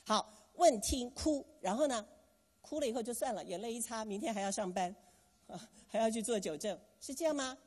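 Female preacher, animated and questioning, a touch breathy, recorded in a reverberant church hall. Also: a little high, brisk. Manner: animated, asks the congregation questions and has them repeat phrases. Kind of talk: sermon.

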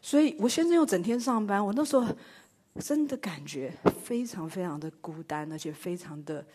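A woman's voice: mid-range voice, moderate pace, a little mellow, husky. A middle-aged woman preaching a sermon and telling a personal story, with rhetorical questions and self-mocking humor. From Taiwan. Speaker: church speaker.

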